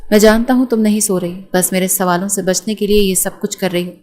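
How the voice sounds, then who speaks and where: A woman's voice: mid-range voice, steady tone, darkish tone, close to an everyday voice. A woman reading the lines of a furious, domineering young husband in an audio novel, in a commanding, threatening way. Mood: angry, commanding.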